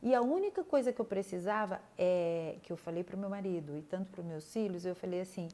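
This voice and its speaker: An older woman with a Brazilian Portuguese accent, talking casually and earnestly to viewers, repeating words and pausing with fillers. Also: on the low side, animated, warm tone. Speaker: body analysis therapist.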